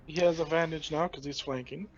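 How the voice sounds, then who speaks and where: High-ish matter-of-fact male game master. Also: steady tone, brisk, muffled recording. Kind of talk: casual game refereeing.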